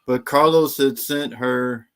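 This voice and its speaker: A man's voice: medium pitch, steady tone, slow pace, smooth. A man hosting a casual livestream chat, teasing his co-hosts with mock indignation. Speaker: show host.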